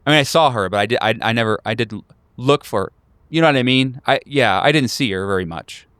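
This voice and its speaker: In a tabletop horror game, a man plays a painfully awkward recluse in his twenties, stammering, repeating himself and apologizing in an anxious, defensive way. His natural mid-range voice is fairly quick, a bit bright, clear and resonant, captured studio-quality with no room sound.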